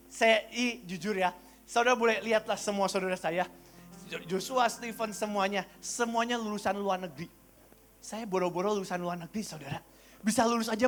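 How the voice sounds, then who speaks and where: A young man preaching a sermon, telling personal stories with animated swings, sometimes shouting and laughing at himself. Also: high voice, a little hiss or hum.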